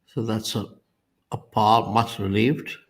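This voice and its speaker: A man with a slightly low voice works as a golf co-commentator. He adds short remarks on putts and scores in the manner of a golf commentator. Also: steady tone, slow pace.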